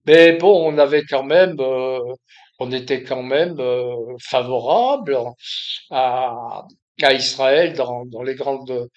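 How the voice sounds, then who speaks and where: An older man from France talking in an impromptu monologue, halting with many restarts and fillers. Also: medium pitch, muffled recording. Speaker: video commentator.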